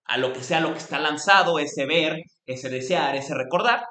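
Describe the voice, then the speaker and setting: A man giving a university philosophy lecture, talking discursively with frequent tag questions, restarts and lively acted-out exclamations. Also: a little high, normal speed. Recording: echoey room.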